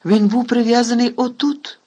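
A man with a husky voice voicing a gruff, angry executioner in a storybook reading. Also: very high-pitched, normal speed, voice pushed up. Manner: growling.

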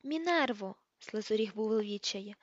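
Lady narrating an audiobook, says page numbers out loud, dry lo-fi sound. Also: on the high side, fairly even intonation, brisk, no room sound. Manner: reads page numbers aloud, shifts voice for characters. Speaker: audiobook reader. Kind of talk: audiobook narration with character voices. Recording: dull lo-fi dry recording.

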